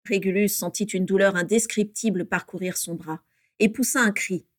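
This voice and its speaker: A woman reading a story aloud with steady, measured narration. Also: medium pitch, no room sound, studio quality.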